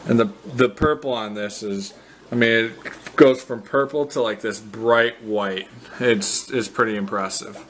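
A man from the American Midwest giving a casual, halting walkthrough of his basement fish tanks, full of fillers and restarts, recorded on a handheld camera. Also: lowish voice, fairly bright tone, slight background noise. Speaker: fish breeder vlogger. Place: basement fish room, indoors.

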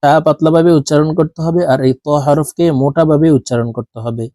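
A man with a Bangladeshi accent teaching Quran letter pronunciation, slowly chanting drills and explaining the rules more quickly and softly. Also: a little high, dry recording. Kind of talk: slow drilled recitation lesson.

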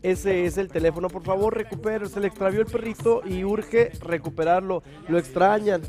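A man's voice: high voice, moderate pace, a little mellow, soft background music. A man hosting a live morning TV show, chatty and affectionate as he reads out viewer greetings. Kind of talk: casual live TV chat.

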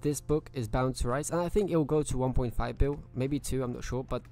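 A man's voice: medium pitch, a little fast, darkish tone, soft background music. A man streaming a video game live, chatting casually and greeting viewers by name.

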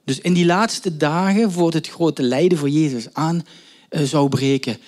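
A man gives a story-driven sermon, and his voice sits a little higher than most men's. He retells the scene with emphatic questions and small hesitations as he reflects on it. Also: a little slow, darkish tone. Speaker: preacher.

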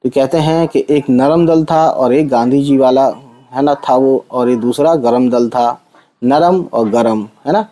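Slow, mellow-voiced male Urdu tutor. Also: mid-range voice, low-quality recording. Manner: slow, patient letter-by-letter reading with frequent checks. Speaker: Urdu teacher. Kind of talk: spelling out Urdu letters for Hindi speakers.

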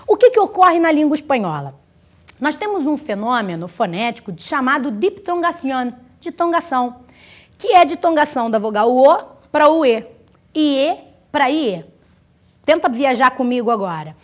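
High, lively woman teaching Spanish. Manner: drawn-out, careful pronunciation of example words; chatty, teasing asides to the student. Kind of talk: recorded language lesson.

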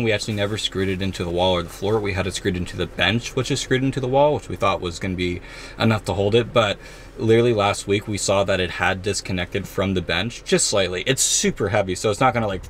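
A man's voice: fairly low pitch, slight background noise. A young man vlogging to a handheld camera at arm's length inside a camper van, upbeat and chatty. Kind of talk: casual vlog talk.

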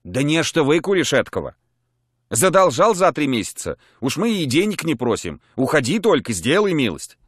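A man's voice: on the high side, big pitch swings, moderate pace, a bit bright, breathy edge, no room sound, pitched above the performer's own voice, heavily acted. A man voicing a servile, put-upon hotel keeper who complains and rambles, in a dry close audiobook recording. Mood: complaining. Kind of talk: audiobook character voice. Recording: dry close studio mic.

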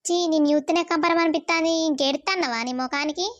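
A woman's voice: high voice, steady tone, dry recording, close to an everyday voice. A woman voicing an angry middle-aged village mother who scolds her daughter. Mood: scolding. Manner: scolding, reproachful, rapid. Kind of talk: cartoon voice acting.

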